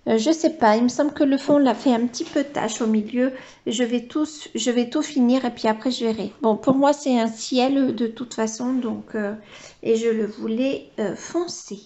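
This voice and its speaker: A woman's voice: fairly high pitch, steady tone, moderate pace, warm tone, muffled recording. A woman vlogger chatting casually while she colors, hesitant and full of filler sounds, now and then cooing to her dog in baby talk. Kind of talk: casual coloring vlog chat.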